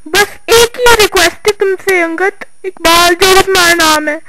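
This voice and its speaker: A woman's voice: very high voice, steady tone, moderate pace, over loud music, rough recording. A woman dubbing a pleading young female talk-show guest in a comedic fan dub, repeating her requests.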